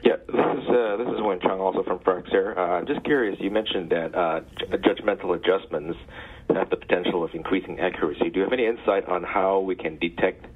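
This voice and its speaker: A man's voice: sits low, brisk. A man from the audience politely and hesitantly asking a question. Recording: husky, far, tinny phone-like sound.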